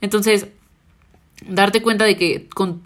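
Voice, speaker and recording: A woman's voice: medium pitch, fairly even intonation, slow pace. A young woman, co-hosting a casual chat, thoughtful and often searching for her words. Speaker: podcast co-host.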